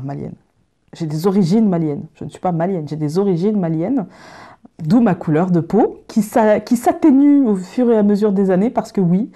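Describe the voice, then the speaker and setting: A woman's voice: medium pitch, mellow. A woman from Picardy with a light Picard accent, chatting to camera in a tag video, self-mocking and laughing often between fillers and restarts. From Picardy, France. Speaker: YouTuber doing a tag video. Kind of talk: casual chat to camera.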